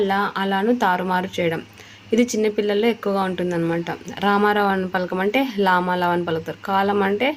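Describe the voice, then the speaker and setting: A woman's voice: mid-range voice, slight background noise. A woman teaching an exam-prep lesson, explaining step by step and repeating key terms.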